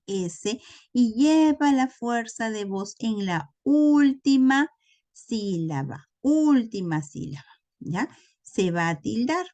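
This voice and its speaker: A woman teaching a recorded lesson, explaining patiently and often checking in with her listeners. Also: medium pitch. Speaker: language teacher.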